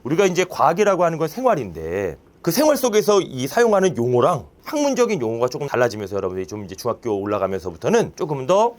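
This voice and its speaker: A man teaching a science lesson to children in a classroom, playful and quizzing his pupils with quick questions. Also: medium pitch, wildly swooping pitch, a little hiss or hum.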